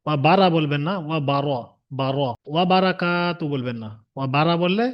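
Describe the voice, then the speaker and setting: A man with a Bengali accent teaching a prayer recitation online, getting the class to repeat after him and chanting the Arabic slowly in a melody. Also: on the high side, muffled recording.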